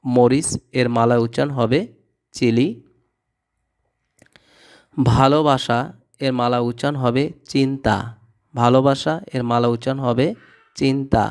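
Man drilling vocabulary in a steady voice. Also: medium pitch, a little slow, long pauses. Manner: repeats each word and its meaning in a steady drill. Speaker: language tutor. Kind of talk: scripted vocabulary lesson.

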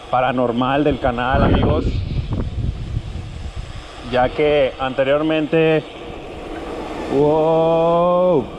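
A man with a Mexican accent narrating a casual night exploration vlog to his viewers, recorded outdoors on a body-worn action camera. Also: a little high. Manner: addresses viewers as friends, sprinkles in English swearing. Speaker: vlogger. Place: outdoors on city streets at night, riding a bike. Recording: noisy outdoor street and traffic ambience.

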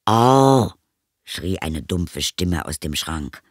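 A woman, an actress, speaking in an interview and narrating an audiobook in an expressive, emphatic way, recorded in a studio. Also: extremely low pitch, measured pace, no room sound.

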